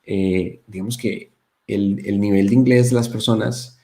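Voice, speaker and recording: A man's voice: lowish voice, a little slow. A young man from Colombia with a Colombian accent, a guest telling stories in a casual interview with many fillers. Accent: Colombian Spanish (Paisa). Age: young adult. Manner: animated storyteller, many fillers. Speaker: guest, software developer.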